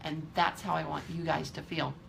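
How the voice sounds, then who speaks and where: A woman's voice: low voice, flat delivery, moderate pace, gravelly, a little hiss or hum. A woman in her fifties giving a candid, emphatic motivational talk to her viewers, swearing freely. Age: 50s. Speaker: vlogger.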